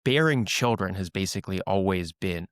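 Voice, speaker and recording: A man's voice: deep voice, expressive, normal speed, no room sound. A man hosting an interview podcast, chatty and opinionated, with frequent "like"s as he riffs on ideas. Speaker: podcast host. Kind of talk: interview conversation.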